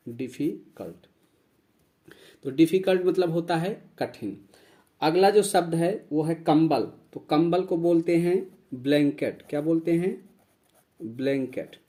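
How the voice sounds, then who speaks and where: Guy teaching english words, kinda high voice, repeats and spells everything. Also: dark tone. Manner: slow, repeats each word and spells it out. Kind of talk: vocabulary lesson.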